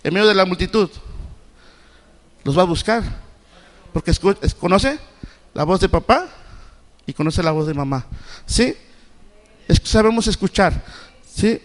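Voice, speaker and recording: Delivering a sermon in the church sanctuary, this middle-aged Sunday school preacher from Mexico speaks with an unusually high voice for a man and lively intonation. His talk is halting, full of restarts and repeated questions to the congregation. Every word trails into the room's long reverb.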